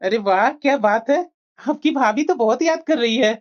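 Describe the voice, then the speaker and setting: A woman's voice: fairly high pitch, lively intonation, moderate pace, dull audio, close to an everyday voice. A woman voicing an eager elder sister-in-law in a family cartoon drama, sing-song and inviting. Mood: teasing.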